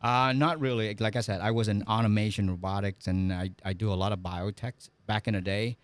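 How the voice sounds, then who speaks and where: Vietnamese-accented man in his 40s, engineer guest, halting speech full of fillers, lowish voice. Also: fairly even intonation, no room sound. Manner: hesitant, many fillers, broken grammar. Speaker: guest, custom gunsmith and engineer. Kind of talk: casual interview.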